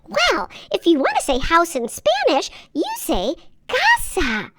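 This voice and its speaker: A woman voices a cheerful, eager young girl in a children's cartoon, narrating a language lesson slowly and encouragingly while repeating words. Her delivery is heavily acted, very high-pitched and full of huge pitch swings, with a noisy background.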